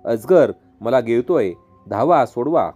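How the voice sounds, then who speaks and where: A man's voice: medium pitch, animated, slow, breathy edge, soft background music. A man voicing a grieving young queen. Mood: lamenting. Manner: softer, pleading and lamenting. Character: grieving young queen searching forest, woman.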